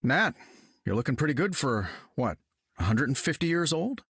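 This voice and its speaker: A cocky genius inventor with a teasing manner. His slightly husky voice moves in lively swings, recorded dry and close. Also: mid-range voice, normal speed, no echo, full character voice.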